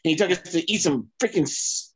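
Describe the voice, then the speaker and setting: A man's voice: on the high side, over a noisy crowd. A man telling funny road stories in casual chat, laughing and swearing. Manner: laughing, profane, quick storyteller. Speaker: guest, former wrestler. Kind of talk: casual storytelling.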